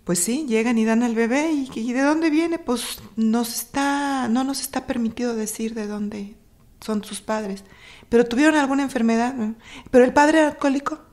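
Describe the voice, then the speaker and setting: A woman hosting a podcast interview, asking lively questions. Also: on the high side, moderate pace. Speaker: podcast host.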